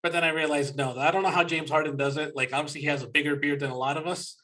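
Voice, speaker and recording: A man's voice: a little high, steady tone, racing, bright, forceful tone. A man hosting and moderating a sports podcast in a conversational style.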